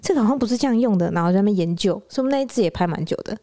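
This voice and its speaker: Animated fast-talking woman. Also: medium pitch. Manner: animated, quick storytelling with laughter. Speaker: podcast co-host. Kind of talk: casual chat.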